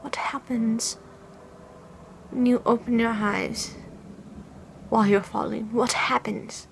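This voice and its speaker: A young woman playing a frightened young woman haunted by dreams of falling, in a hushed, halting voice that often drops to a whisper, recorded at home on a camera mic. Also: fairly high pitch, steady tone, vocal fry, faint music behind, rough recording. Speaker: vlogger. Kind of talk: in-character fan fiction vlog.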